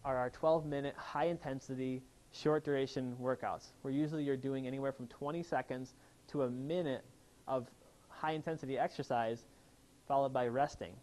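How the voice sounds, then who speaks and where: A chiropractor with a medium-pitched, darkish voice gives a live health seminar to an audience in the room, speaking at normal speed with fairly even intonation. He's enthusiastic and keeps putting questions to the crowd.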